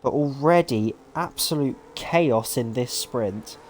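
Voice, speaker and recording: A man giving excitable, rapid play-by-play as the lead commentator of a live sim racing broadcast. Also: medium pitch, a little hiss or hum.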